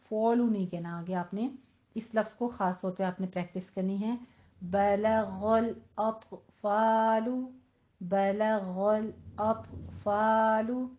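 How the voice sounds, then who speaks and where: A woman teaching Quran recitation rules in a tajweed lesson, explaining slowly and drilling words over and over. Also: mid-range voice, dark tone, muffled recording. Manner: slow, instructive, drills words repeatedly.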